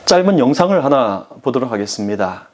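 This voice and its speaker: A man's voice: medium pitch, sing-song, a little fast. A man giving a sermon as pastor, earnestly addressing the congregation.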